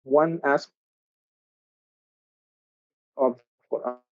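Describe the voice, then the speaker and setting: A man lectures in a flat, level tone over a video call that keeps breaking up and dropping words. The sound is dull and muffled, with a dry, close feel and no room echo. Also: medium pitch, extremely slow. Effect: cutting-out video call connection. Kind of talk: Islamic studies lecture.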